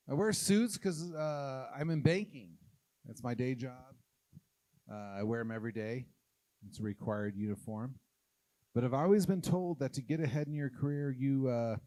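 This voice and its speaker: A stand-up comic from Oklahoma works a live stage in a mid-pitched voice, close on the mic with a dry, dead sound. He stumbles through his bits with lots of "uh"s, mocking himself as he goes. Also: mellow, no room sound. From Oklahoma, USA. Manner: halting, self-deprecating, with frequent uh fillers. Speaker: stand-up comedian. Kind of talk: stand-up comedy set.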